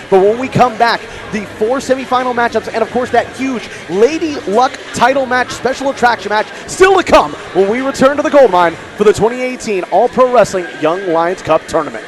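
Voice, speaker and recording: A man calling live pro wrestling as the lead play-by-play commentator, with dramatic announcer phrasing. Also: high voice. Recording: loud crowd behind the voice. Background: noisy live wrestling crowd.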